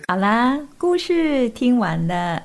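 A woman telling a children's story and speaking gently to young listeners as their teacher. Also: a little high, big pitch swings, slow, noisy background. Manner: gentle, coaxing, speaks to kids.

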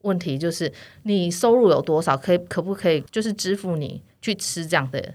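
A woman's voice: fairly low pitch, brisk. A woman, an insurance agent telling stories in casual podcast chat, laughing often. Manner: lively storyteller, often laughing.

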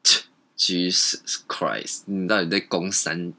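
A man's voice: low-pitched, steady tone, slow pace, creaky, pushed and bright. A man, co-hosting a podcast and gossiping bluntly, swearing freely. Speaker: podcast co-host. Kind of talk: casual gossip chat.

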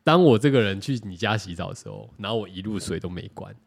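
A man's voice: lowish voice, fast, creaky. Rambling man. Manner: rambling, animated, self-correcting. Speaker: podcast co-host. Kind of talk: casual chat.

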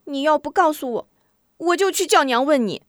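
A sly little village girl from a storybook, shrill and bossy, her voice leaping high and dropping fast, as a woman puts her on. The sound is close and dry. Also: expressive, no room sound. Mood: teasing.

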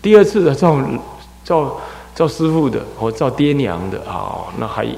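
A man from Taiwan, a Buddhist abbot, gives an animated dharma lecture and acts out scolding parents and crying children. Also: mid-range voice, moderate pace, vocal fry. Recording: echoey hall with long reverb.

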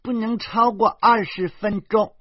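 A man's voice: high-pitched, fairly even intonation, a little slow, voice pushed up. A man voicing a precocious, bossy little girl who lectures like a grown-up. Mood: prim lecturing. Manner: prim, lecturing. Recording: dull lo-fi recording.

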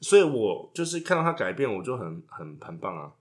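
A man's voice: lowish voice, big pitch swings, brisk. A man, co-hosting a casual chat and trading crude jokes. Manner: joking, crude banter. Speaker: podcast co-host.

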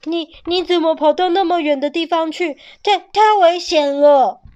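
A gruff, stammering tyrannosaurus dad, played by a woman reading aloud, loud and blustery yet tender underneath. Her voice stays fairly high even while booming, fitting a picture-book tale. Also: unhurried, lo-fi sound, lightly acted. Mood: alarmed. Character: gruff but tender male tyrannosaurus father.

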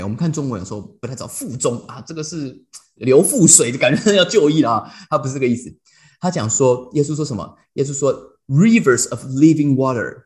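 A man with a Taiwanese Mandarin accent hosting a casual devotional talk, telling stories playfully and dropping in English phrases. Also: mid-range voice. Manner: playful, animated storytelling mixed with English phrases. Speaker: devotional podcast host.

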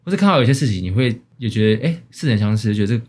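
A young man with a Taiwanese Mandarin accent, co-hosting a casual podcast chat, rambling with many restarts and quick laughs. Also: fairly low pitch, expressive, a little mellow, husky. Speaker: podcast co-host.

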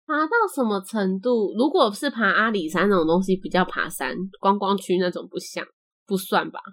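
A woman's voice: medium pitch, normal speed, a bit bright. A young woman from Taiwan with a Taiwanese Mandarin accent, hosting a casual podcast chat and laughing often. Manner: chatty, laughs often, trailing sentence ends. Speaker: podcast host.

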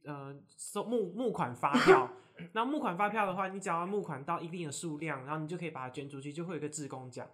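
A woman co-hosting a podcast who chats casually and fires off quick reactions and questions. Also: low-pitched. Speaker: podcast co-host. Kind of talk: casual chat.

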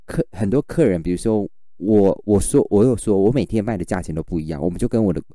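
A man's voice: fairly low pitch, fast, dry recording, clean studio sound. A man, a livestream seller telling stories in casual chat and acting out his customers. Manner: animated storyteller, acts out customers.

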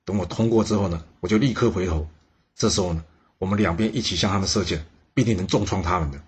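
A man voicing a calm, shrewd male archer disciple in a storybook tale, speaking low and quietly. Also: fast, husky. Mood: scheming.

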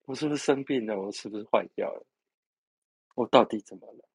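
A man's voice: medium pitch, brisk, breathy edge, no echo, rough recording. A man acting out a bashful young man who slips into a puppy persona, asking anxious, bewildered questions.

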